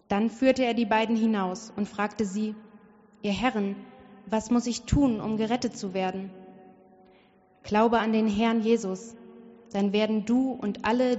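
A woman reading a scripture passage aloud in a steady, clear way during a service. Her voice rings with a long hall reverb, and the recording sounds slightly dull. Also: mid-range voice. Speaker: scripture reader.

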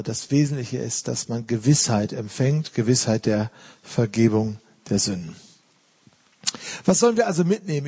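Guy giving a sermon, earnest, chatty asides, warm dark voice with some fry. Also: medium pitch. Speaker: pastor.

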